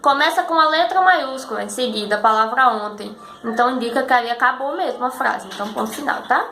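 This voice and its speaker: A woman teacher explaining a lesson patiently and slowly, often checking that her students follow. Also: fairly high pitch, pushed and bright. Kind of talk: recorded school lesson. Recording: echoey room with faint background noise.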